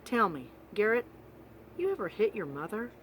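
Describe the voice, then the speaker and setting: A woman reading aloud as a gruff, stern, middle-aged male boarding school director, with vehicle noise behind her. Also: medium pitch, sing-song, moderate pace, voice pushed up, lightly acted.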